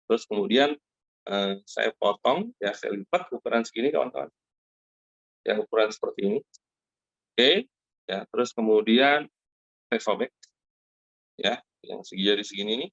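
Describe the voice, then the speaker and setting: Over dry, muffled lo-fi video call audio that sounds close-miked, a middle-aged Zoom host shares a product testimonial with his online group. His pitch is on the low side. He's a lively storyteller who talks to everyone as friends, breaking off constantly for fillers and side remarks.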